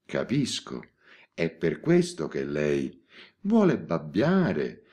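A guarded middle-aged inspector, read by a male narrator who speaks in a deep, low voice. He asks terse questions and lets them drop slowly. The reading has the feel of an audiobook. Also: wildly swooping pitch, a little mellow, exaggerated voice. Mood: wary.

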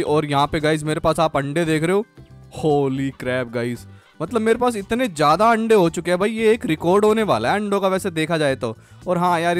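With a clear, resonant tone and a fairly high pitch, this man runs chatty commentary over a farming game for his gaming channel. He keeps addressing viewers as friends, peppering his talk with "guys" and "bhai."

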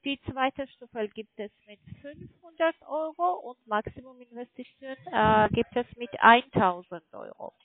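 A call centre telemarketer selling online trading makes an insistent, halting sales pitch in German, which isn't her native language, and she has a foreign accent. She's expressive and often checks for agreement. The phone line is muffled with fluctuating mic volume, and there's no room sound.

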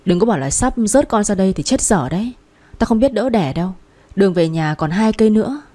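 A woman's voice: medium pitch, lively intonation, a little fast, dark tone, natural voice. Woman voicing a blunt scolding old village woman. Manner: coarse, nagging.

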